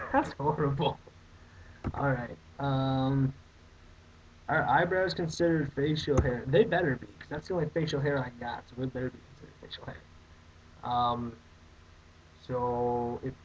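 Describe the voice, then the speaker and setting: A young man hosting a casual comedic vlog, answering viewer questions in a rambling, mock-outraged way. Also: medium pitch. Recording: dull lo-fi webcam audio, faint hiss.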